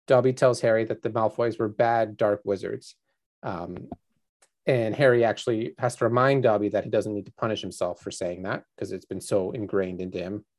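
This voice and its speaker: A man's voice: medium pitch, darkish tone. Man casually recapping a book chapter. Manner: chatty, filler-heavy recap. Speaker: podcast co-host.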